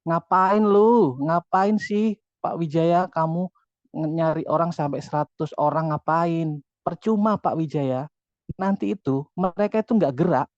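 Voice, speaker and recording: A man's voice: a little high, measured pace, no room sound, close to an everyday voice. A man putting on a scoffing inner voice. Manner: scoffing, dismissive, insistent. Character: nagging, discouraging inner voice of the subconscious mind. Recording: dull, dry lo-fi audio.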